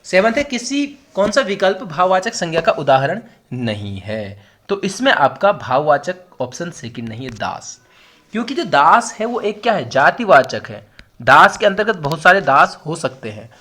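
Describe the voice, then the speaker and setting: Very animated and speaking at a normal speed, this young man uses a high, pushed, bright voice with an Uttarakhand Hindi accent. He's explaining material in an online exam-prep class, addressing students directly and repeating words to emphasize them.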